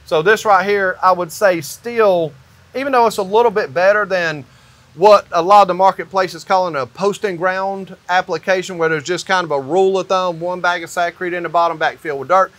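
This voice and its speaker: Working indoors in a metal-walled shop or barn, a builder in his fifties who runs the company explains construction emphatically, one step at a time. His high, somewhat bright voice moves fairly quickly.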